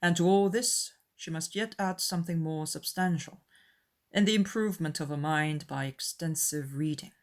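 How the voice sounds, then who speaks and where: A woman voicing a proud, grave young gentleman with formal, measured speech in a period novel. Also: low-pitched. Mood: reserved, superior. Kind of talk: dramatized period novel audiobook.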